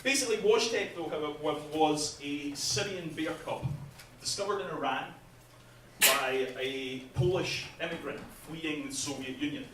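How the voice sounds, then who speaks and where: This man's voice sits on the high side as he presents his game at an industry event in a relaxed conference talk. He fills gaps with ums and laughs at his own jokes. Recorded far from the mic in an echoey hall, with faint noise.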